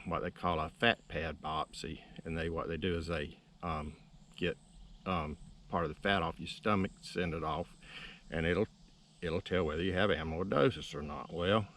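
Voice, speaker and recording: A man's voice: deep voice, a bit bright, slight background noise. An older man with a Southern US accent, short of breath, telling a story casually in a folksy, rambling way. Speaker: video blogger living with cancer.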